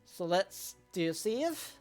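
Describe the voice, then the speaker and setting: A woman wrapping up a game stream, chatty and rambling in a relaxed way, with faint music behind. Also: mid-range voice, takes it slowly. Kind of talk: casual stream chat.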